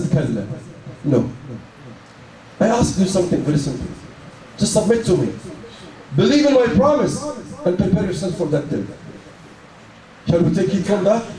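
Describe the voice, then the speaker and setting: High-voiced man preaching in an echoey hall. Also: expressive, normal speed, pauses often, a crowd in the background. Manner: emphatic, with rhetorical questions and recited verses. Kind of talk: sermon. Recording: echoey hall, voice from a distant mic.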